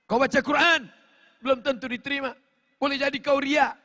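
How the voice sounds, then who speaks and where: A man preaches a fervent sermon, his appeals climbing into shouts. His voice sits high and rings bright and forceful. A long reverb trails each phrase through a large hall. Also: fairly even intonation, a little fast. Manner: fervent, rising to shouted appeals, with sung Arabic chants.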